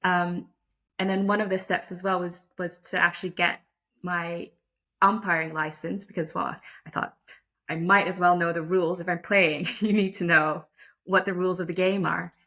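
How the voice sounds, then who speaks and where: A low-voiced Dutch woman, a lacrosse umpire, appears as a guest in a casual interview. She's thoughtful and self-deprecating, restarting often and using lots of fillers, with a flat delivery, moderate pace and a fairly bright tone.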